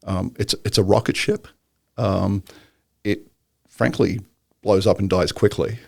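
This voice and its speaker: A man with a deep voice and a gravelly, creaky edge talks at length as a podcast guest. He meanders through fillers, restarts and little jokes. The sound is dry and close. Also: fairly even intonation, unhurried, a little mellow, dry recording. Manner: rambling, filler-heavy, joking. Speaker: guest entrepreneur. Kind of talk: casual interview chat.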